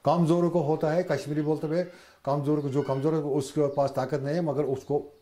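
A man in his seventies with a Kashmiri accent, a shopkeeper giving news interview testimony in a halting, repetitive, plain-spoken way. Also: a little high, level tone, dark tone. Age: 70s. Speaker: shopkeeper telling of his injury.

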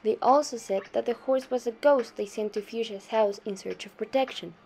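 A young adult woman reading a short story aloud in a steady storytelling manner, softening her voice for quoted lines. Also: fairly high pitch, normal speed, slight background noise. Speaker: student reader.

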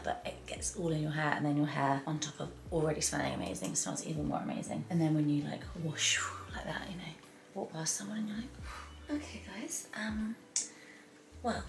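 Low, gravelly woman vlogger, half-whispering. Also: rough recording. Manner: chatty, often drifts into whispering. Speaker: beauty vlogger. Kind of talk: hair tutorial vlog. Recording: clear background noise.

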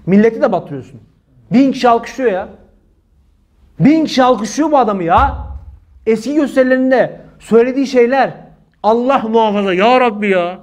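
A man speaking in an indignant religious monologue, his voice sitting high for a man. He presses his points hard, repeating phrases and sprinkling in pious formulas. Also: normal speed, a little mellow. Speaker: religious commentator.

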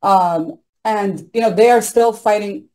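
Through a rough laptop-mic recording on a video call, a young woman speaks unhurriedly in a medium-pitched, darkish voice. Sitting in a small room as a panelist, she pleads her case earnestly and insistently, with frequent ums and you-knows.

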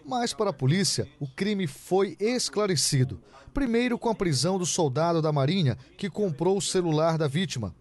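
A man's voice: high-pitched, expressive. A male TV news reporter narrating a crime story and pressing suspects with questions. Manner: brisk, pressing interviewer.

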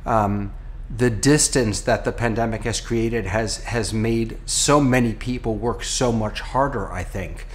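A middle-aged American rabbi with a lowish voice and a slightly slow pace hosts a relaxed podcast conversation over a video call from his home office. He talks animatedly, frequently restarting his sentences.

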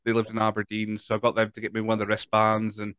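A man's voice: lowish voice, completely flat delivery, fast, fairly bright tone, smooth, dry recording. A Scottish man in his thirties hosting a podcast interview over a video call, chatty and stumbling over repeated words. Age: 30s. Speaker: podcast host. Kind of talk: casual interview chat. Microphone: large studio mic with headphones.

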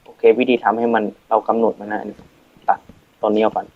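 A man's voice: fairly low pitch, completely flat delivery, a little fast, narrow, tinny audio. A teenage boy casually talking through a game tutorial, thinking aloud and muttering as he plays. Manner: chatty, thinking aloud, counting and muttering while playing. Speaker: Minecraft let's play host. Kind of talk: casual gameplay tutorial commentary.

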